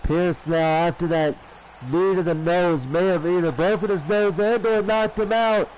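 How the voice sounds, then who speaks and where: A male wrestling commentator with a high-set voice gives play-by-play at an unhurried pace. He speaks haltingly, restarting phrases, over a noisy background. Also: steady tone, darkish tone. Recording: clear background noise.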